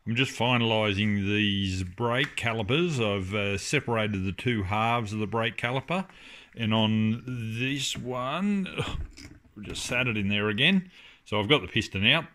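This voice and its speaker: Working in his home garage, a middle-aged man restoring a car walks through a brake repair step by step, casual and practical, with plenty of fillers. His voice sits on the low side with a sharp tone, and he talks a little slowly.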